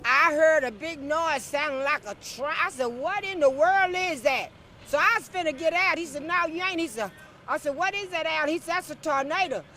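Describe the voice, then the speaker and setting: A woman's voice: high-pitched, moderate pace, sharp tone. A woman with a Southern American accent giving an emphatic, folksy eyewitness account in an interview. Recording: faint outdoor noise.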